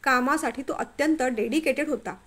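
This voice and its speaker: A woman storyteller reading a family drama story aloud in an expressive, measured way. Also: high-pitched. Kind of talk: scripted story narration.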